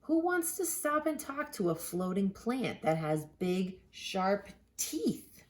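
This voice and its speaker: A woman reads a children's picture book aloud with lots of expression, using dramatic pauses and stretched-out words for emphasis. Her voice is medium in pitch with a sing-song lilt.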